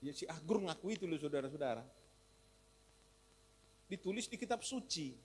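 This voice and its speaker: A man pastor with a Javanese accent preaching a sermon in a lively, teasing way, mixing in Javanese and English words and rising to shouts for emphasis. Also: fairly high pitch, normal speed, breathy edge. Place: church hall. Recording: echoey church hall.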